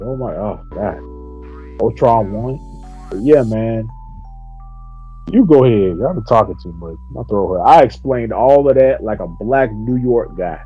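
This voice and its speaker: A man hosting a podcast, casually retelling an episode with lively slang and swearing. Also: medium pitch, husky. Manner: animated storytelling with slang and swearing. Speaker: podcast host. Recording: dull lo-fi podcast audio.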